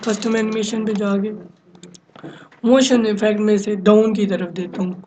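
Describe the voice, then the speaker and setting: A man teaching a software lesson on a screen recording, explaining each step, often checking with "okay?", and mixing in English technical terms. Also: sits high, little pitch movement, a little hiss or hum, poor audio. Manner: mixes many English software terms into his talk. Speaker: computer instructor.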